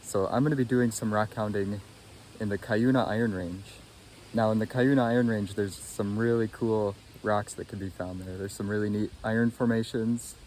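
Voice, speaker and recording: Low-voiced young man, casual vlogger. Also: steady tone, moderate pace, a little mellow, a little hiss or hum, low-quality recording. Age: young adult. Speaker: rock hunting vlogger. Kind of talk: casual vlog commentary. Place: outdoors in a yard and rock field, or inside a parked van. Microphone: phone at arm's length.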